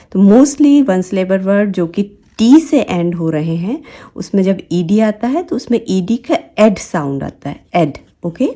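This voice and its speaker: A woman with a Hindi accent, teaching English phonics. She says each example word slowly and repeats it several times. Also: lowish voice, dark tone. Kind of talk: slow, deliberate teaching with repeated example words.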